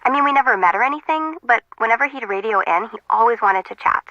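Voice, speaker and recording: A woman's voice: on the high side, animated, fast, dry recording, close to an everyday voice. A woman voicing a quirky young female harbor intern in a game, rambling and joking at her own expense, with a muffled, lo-fi sound. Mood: chatty. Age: young adult. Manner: rambling, joking, self-mocking.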